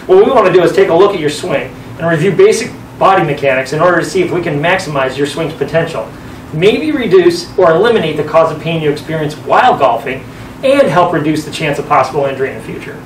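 Male co-presenter, middle-aged, scripted and fast, roomy sound from a little way off. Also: fairly high pitch, expressive. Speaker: physical therapist and co-presenter. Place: indoors in front of a backdrop. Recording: echoey room, distant mic, faint noise.

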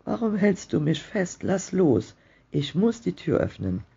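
Ein Mann, der eine verzweifelte alte Frau spricht, die schrill nach ihrem Sohn ruft. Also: male voice, big pitch swings, unhurried, vocal fry, mellow, slightly rough, full character voice. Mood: desperate. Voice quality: shrill, pleading. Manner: crying out in anguish. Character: frantic old woman, desperate grieving mother. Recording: dull muffled recording.

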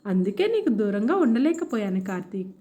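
A woman's voice: mid-range voice, sing-song, brisk, dark tone, lightly acted. A woman voicing a heartbroken young woman who cries and begs her former lover to listen in a storybook tale. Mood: tearful pleading. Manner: pleading, begging. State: crying.

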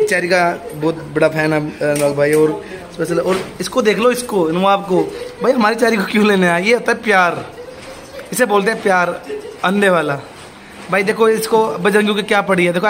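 A young Indian man filming his pets at home, giving excited casual commentary and coaxing the animals. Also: sits high, moderate pace, noisy background. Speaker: pet vlogger.

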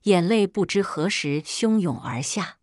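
A woman narrating a dramatic family story in an expressive, emotional way. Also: on the low side, a little slow, dry recording, clean studio sound.

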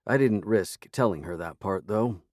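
A man's voice: fairly low pitch, moderate pace, darkish tone, no room sound. A man narrating a fantasy audiobook in the first person, in a dry, wry storytelling manner.

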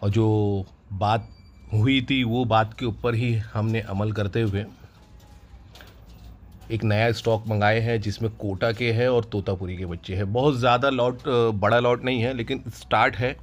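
A man who owns a goat farm walks viewers through his new stock in an unhurried, casual way with many hesitations, recorded on a handheld phone outdoors in the farm yard. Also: fairly low pitch. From India. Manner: relaxed, unhurried, with frequent hesitations. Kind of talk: casual promotional farm tour.

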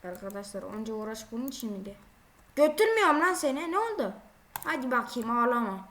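A woman's voice: fairly high pitch, sing-song, fast talker, a bit bright, a little hiss or hum. A woman giving casual commentary while playing a driving game, chatty and exclaiming, scolding the other drivers as she goes. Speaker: gaming video creator.

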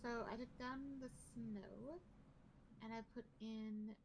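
Higher-voiced woman with creaky fry. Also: slow, a little hiss or hum, low-quality recording. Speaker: role-play player as counter server. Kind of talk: in-character game role-play chat.

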